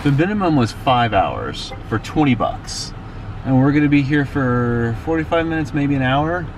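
A man's voice: medium pitch, sing-song, normal speed. Man, 40s, travel vlogger; wry, blunt humor, arm's-length camera, street noise. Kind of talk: casual travel vlog chat. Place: outdoors in a parking lot and in a truck.

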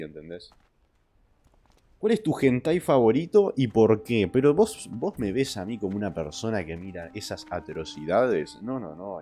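A young man with an Argentine Spanish accent and a lowish voice, streaming and reading out viewer messages. His delivery is crude and jokey, full of trash talk. He jumps between loud outbursts and low mutters. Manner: crude, joking, trash-talking. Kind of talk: casual livestream chat reading viewer messages.

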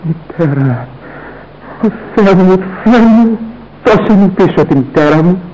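A man's voice: medium pitch, expressive, highs cut off, slight background noise, natural voice. An actor playing a young man who is a horrified, grieving son, speaking in anguished, pleading outbursts. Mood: despairing. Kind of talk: theatrical radio drama acting.

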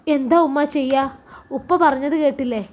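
A woman voicing a grown son who calmly reasons with his mother, in a Malappuram Malayalam accent. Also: high voice, normal speed, natural voice. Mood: reassuring.

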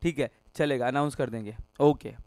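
A man's voice: medium pitch, normal speed, a little mellow, no room sound. A man teaching a live online commerce class, joking and telling stories, quizzing students and mixing in English phrases. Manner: mixes Hindi with English phrases.

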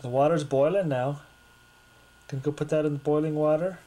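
A woman's voice: sits low, fairly even intonation, a little fast, dark tone, rough recording. A woman in a casual home video, asking a small child playful, teasing questions.

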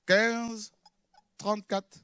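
A man preaching in French, a pastor teaching who repeats key words and swings from loud exclamations to low murmurs. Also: flat delivery, very slow, clean tone, no echo, clean studio sound. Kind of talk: sermon teaching.

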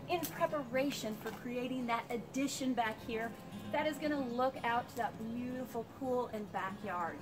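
A woman in her forties hosts a home renovation series, speaking in a polished, upbeat presenter voice set a little high. She walks through a gutted house and records on a lapel mic. Light music plays faintly under her. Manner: upbeat, clear presenter delivery. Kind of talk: scripted presenting to camera.

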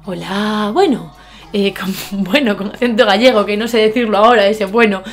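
Her voice is medium-pitched at a normal speed, with faint background music. The Galician YouTuber, in her twenties and speaking with a Galician Spanish accent, mocks herself excitedly in a casual bedroom reaction vlog, breaking into shouts and laughter, recorded on a webcam with an earphone microphone.

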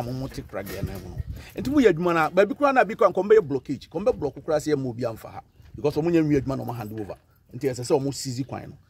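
A man with a Ghanaian accent, a local assemblyman speaking outdoors to reporters, animated and mixing Twi with English. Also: fairly high pitch. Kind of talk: public address to reporters. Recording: crowd noise outdoors.

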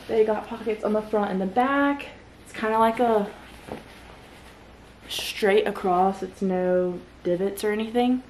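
A woman's voice: medium pitch, slight background noise, rough recording. A woman vlogging casually from a guest bedroom at home, chatty and full of filler words, with a sore throat and a cough drop in her mouth. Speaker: lifestyle vlogger. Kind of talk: casual chat.

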